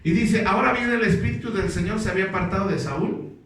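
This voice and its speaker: A male pastor giving a sermon. He reads scripture slowly and with emphasis, and he asks the congregation questions and waits for their replies. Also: high-pitched, fairly bright tone. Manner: slow, emphatic reading of scripture. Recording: very echoey hall, distant mic, faint noise.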